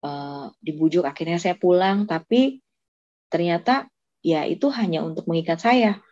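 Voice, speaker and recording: A woman's voice: on the low side, moderate pace, darkish tone, no room sound. A woman telling her personal testimony in an earnest, emotional way. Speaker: testimony giver. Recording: slightly dull lo-fi audio.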